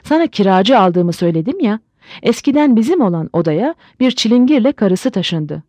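A woman voicing a sharp, exasperated young wife who scolds her drunk husband in a storybook reading. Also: medium pitch, big pitch swings, normal speed, dry recording. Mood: scolding. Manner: shouting, exasperated.

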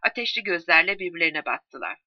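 Expressive woman reading a novel. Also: lowish voice, fast talker, no echo. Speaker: audiobook reader. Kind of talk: scripted narration of a novel. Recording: slightly dull dry recording.

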